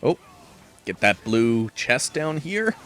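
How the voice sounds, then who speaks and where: A man's voice: mid-range voice, big pitch swings, takes it slowly, fairly bright tone, faint music behind. A man live-streaming a game, chatting casually with rambling asides and fillers. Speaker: gaming streamer.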